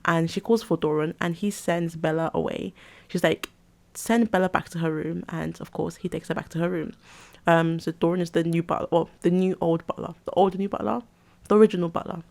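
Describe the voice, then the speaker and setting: A woman's voice: fairly low pitch, flat delivery, normal speed, vocal fry, a little mellow. A woman casually retelling a comic's plot, chatty and full of fillers and restarts. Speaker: webcomic recapper. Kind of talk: casual story recap.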